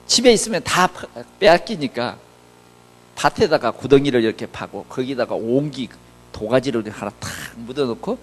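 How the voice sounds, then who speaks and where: A man's voice: mid-range voice, big-room sound. A male pastor delivering a conversational sermon full of rhetorical questions to his congregation. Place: church sanctuary.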